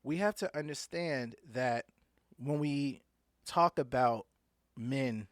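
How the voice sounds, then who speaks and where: A man's voice: medium pitch, slow pace, no echo. A man with slightly slurred speech and imprecise T's and S's from an underbite, talking informally and hesitantly as a solo podcast host.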